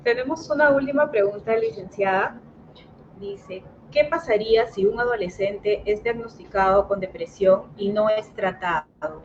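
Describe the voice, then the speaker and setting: A woman's voice: medium pitch, moderate pace. Formal woman host, lo-fi noisy stream. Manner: formal, scripted announcing. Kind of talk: clinic livestream hosting. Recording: dull lo-fi livestream with noise.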